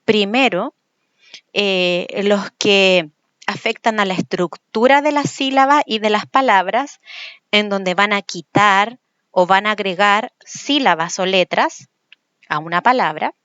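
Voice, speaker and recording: A woman teacher gives a recorded lecture, explaining patiently and slowly repeating example words. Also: medium pitch, fairly bright tone, clean tone, no room sound, highs cut off. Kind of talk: recorded lecture on speech sounds.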